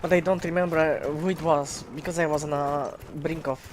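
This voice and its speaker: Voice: medium pitch, fairly even intonation, normal speed, background noise. A gamer chatting casually with a friend in an offhand, scattered way. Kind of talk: casual gaming chat. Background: game music.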